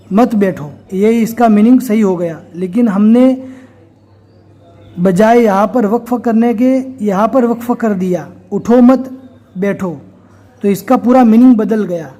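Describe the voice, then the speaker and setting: High mellow guy teaching quran reading, patient step by step explaining. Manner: explains slowly and step by step, then recites in a slow chanting voice. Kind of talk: recorded recitation lesson.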